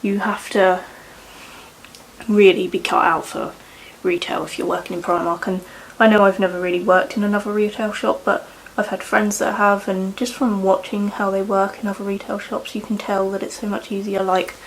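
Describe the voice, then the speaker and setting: A woman's voice: medium pitch, little pitch movement, normal speed, a little hiss or hum, poor audio. A young woman chatting casually in a rambling way while doing her makeup at home, with lots of fillers. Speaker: beauty vlogger.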